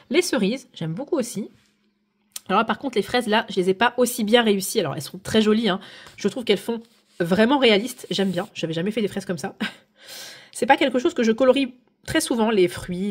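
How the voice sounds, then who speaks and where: A woman's voice: mid-range voice, a little mellow. A woman hosting a coloring vlog, chatting casually at home with many hesitant fillers, recorded on a phone. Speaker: coloring channel host.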